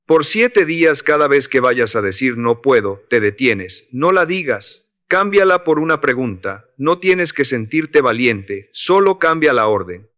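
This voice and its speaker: A man reading the part of a 68-year-old construction worker, a man of few words who gives calm, measured advice. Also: medium pitch. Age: 60s.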